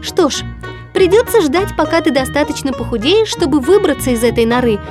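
A woman's voice: high-pitched, lively intonation, brisk, voice pushed up. A woman voicing a cheerful young boy who teases his friend, in a storybook reading. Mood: teasing. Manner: teasing, amused. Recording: music playing behind.

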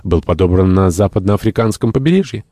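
A man's voice: low voice, animated, brisk, warm tone, no room sound, clean studio sound. A man voicing an irritable, eccentric middle-aged male entomologist who speaks in a fussy, pedantic, indignant way, raising his voice.

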